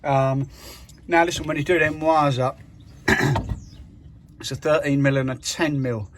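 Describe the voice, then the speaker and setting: With a fairly high, fairly even voice and a measured pace, a man talks through fixing a van against background noise. He's a mechanic demonstrating a repair, out of breath, chatty and plain-spoken, with many fillers and restarts in his casual how-to explanation.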